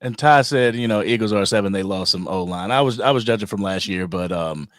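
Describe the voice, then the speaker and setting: A man's voice: on the low side, brisk. A man co-hosting a sports chat who corrects people bluntly. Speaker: co-host.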